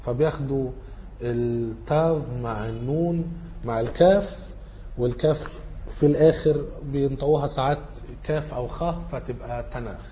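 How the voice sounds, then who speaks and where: A man's voice: mid-range voice, normal speed, mellow, slight background noise. A man with an Egyptian Arabic accent giving an informal lecture, working through study questions and thinking aloud as he corrects himself.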